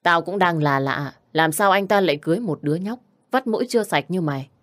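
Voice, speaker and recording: Woman reading a sneering older sister, low voice. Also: expressive, brisk, no echo, lightly acted. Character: scornful older sister, harsh and mocking.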